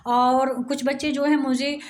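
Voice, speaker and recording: A woman teaching English poetic meter to students, often checking whether they follow and reading lines slowly with marked stresses. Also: high voice, little pitch movement. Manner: asks frequent check-in questions. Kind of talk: explaining English poetry to students.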